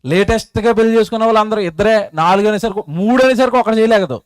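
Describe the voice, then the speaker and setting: Male preacher, high and dry, emotive rhetorical questions. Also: fast, smooth, no echo. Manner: emotive, rhetorical questions to the crowd, swings loud and soft. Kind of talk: sermon at an outdoor public meeting. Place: public meeting.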